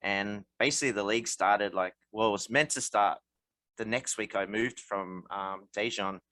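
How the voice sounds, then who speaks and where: Bright-voiced Australian man leading a podcast. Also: on the low side, normal speed, dry recording. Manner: leads the talk, asks the others questions. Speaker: podcast host. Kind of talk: casual podcast chat.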